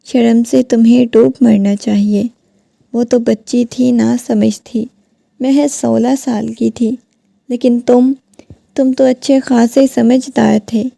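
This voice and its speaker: A woman voicing a furious middle-aged father who scolds sternly, in a creaky voice. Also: a little high, little pitch movement, mellow, no room sound.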